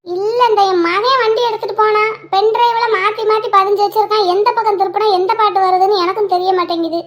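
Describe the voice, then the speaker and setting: A woman's voice: very high voice, steady tone, fast talker. A woman voicing a mild, easygoing middle-aged male driver in a cartoon, rambling in a puzzled way.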